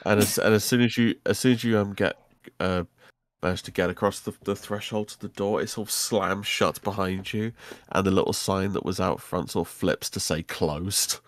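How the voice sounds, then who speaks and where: A man's voice: low-pitched, steady tone, moderate pace, dry recording, studio quality. A man running a tabletop game as game master, casual and swearing, laughing often.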